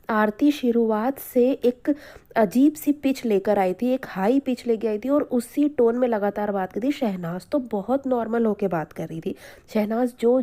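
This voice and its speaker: A woman's voice: a little high, dark tone. A woman giving a spoken review of a reality show, opinionated and repeating her points for emphasis.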